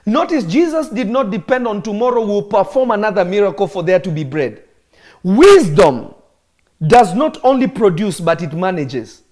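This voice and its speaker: This live-streamed sermon features a Kenyan preacher whose voice sits high and carries a darkish tone, animated but at normal speed. Addressing people watching online, he stresses his teaching emphatically and repeats phrases to hammer points in.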